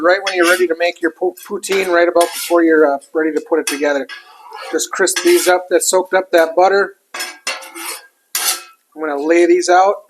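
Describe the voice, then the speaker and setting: A cook with a medium-pitched voice keeps up a friendly, chatty commentary while cooking on a griddle. The background is noisy with sizzling food and clinking utensils.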